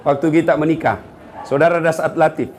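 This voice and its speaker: With a fairly high pitch and a fairly quick delivery, a middle-aged preacher gives a humorous sermon. He keeps the energy up, teasing the audience and calling out to them.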